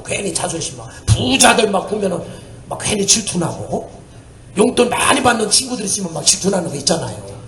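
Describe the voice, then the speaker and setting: A man preaching in a church, his voice high and swinging widely up and down as he tells his stories. He laughs and breaks into shouts now and then. The sound rings around an echoey sanctuary. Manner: animated storytelling with laughter and shouts. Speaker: missionary preacher. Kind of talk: sermon.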